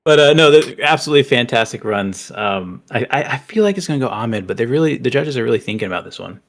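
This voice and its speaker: A man commentating a drift racing event, excitable and chatty, a little out of breath. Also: mid-range voice, fast talker. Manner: excitable, chatty, laughs easily.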